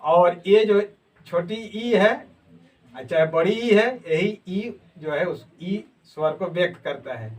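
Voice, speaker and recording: Slow high-voiced man teaching script. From Jharkhand, India. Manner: slow, repeats sounds to demonstrate them. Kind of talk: explanatory lesson. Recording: voice from a distance.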